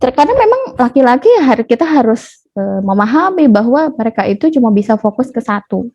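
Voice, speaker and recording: Female parenting speaker, fairly high voice, chatty and playful, lo-fi video-call sound. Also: very animated, brisk, warm tone. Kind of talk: casual online webinar talk. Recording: dull lo-fi webinar audio.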